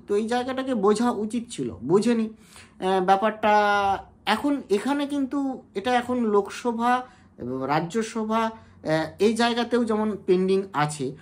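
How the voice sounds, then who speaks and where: Woman host reasoning through rhetorical questions. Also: on the high side. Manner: measured, reasoning aloud with frequent hesitation sounds and rhetorical questions. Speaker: education channel host. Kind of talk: explanatory commentary to camera.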